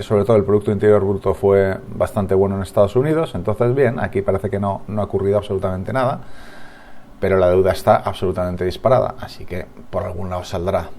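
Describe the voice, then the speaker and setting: A man's voice: sits low, mellow, slight background noise. A man with a Spanish accent from Spain, giving a market analysis over charts as a trading analyst, thinking aloud with frequent restarts and tag questions.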